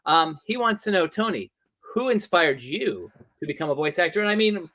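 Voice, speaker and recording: A man's voice: high voice, moderate pace, dry recording. A man hosting a live interview, casually affirming his guest and reading out viewer questions. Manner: relaxed, affirming listener, reads viewer questions. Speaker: interview host.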